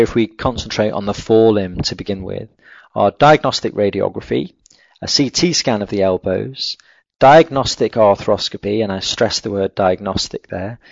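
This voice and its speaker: A man lecturing on a clinical case over slides, in a measured, technical way with frequent fillers. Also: fairly low pitch, vocal fry, no room sound. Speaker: veterinary lecturer. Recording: dull lo-fi dry recording.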